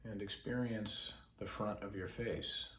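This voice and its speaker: A man who teaches mindfulness, talking slowly and calmly with long pauses as he guides a meditation. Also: on the low side, echoey room, a little hiss or hum. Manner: slow, calm, pausing instructions. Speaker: mindfulness instructor.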